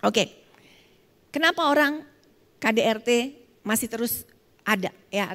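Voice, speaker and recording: Woman preaching in a reverberant hall. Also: high-pitched. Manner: storytelling, acts out quoted dialogue, addresses congregation as "saudara". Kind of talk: sermon.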